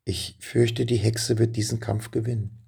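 A man voicing a brave, hopeful young boy riding a dragon in a storybook, with a gravelly voice and eager calls. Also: mid-range voice, little pitch movement, measured pace, warm tone, exaggerated voice. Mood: worried.

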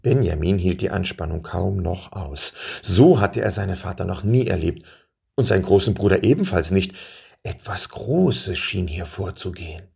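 Deep, gravelly male storyteller. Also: moderate pace. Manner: calm, addresses young listeners directly. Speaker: storyteller for children. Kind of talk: children's story reading.

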